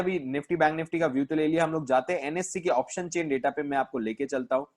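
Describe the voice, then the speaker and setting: Man giving a chatty Hindi stock-chart talk. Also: fairly high pitch. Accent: Indian. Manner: Hindi mixed with English terms, frequent fillers and self-corrections. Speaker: host, stock market analyst. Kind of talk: casual market analysis, screen walkthrough.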